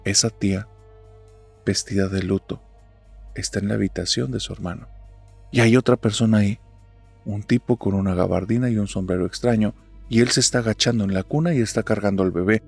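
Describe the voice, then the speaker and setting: A man narrating a spoken horror story in a dramatic manner, dropping to a hush at tense moments. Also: lowish voice, brisk, creaky, slightly rough. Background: faint music.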